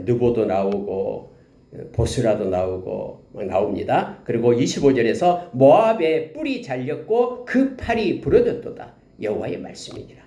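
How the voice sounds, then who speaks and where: A man's voice: medium pitch, echoey room. A man preaching as a pastor in a church, teaching a Bible passage verse by verse with emphatic, rising readings. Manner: lively, emphatic preaching that rises for scripture readings. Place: church sanctuary.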